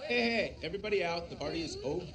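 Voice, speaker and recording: A man's voice: high voice, lively intonation, quick pace. An actor playing a stern young man breaking up a party, heard in a film clip. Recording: film clip under loud music.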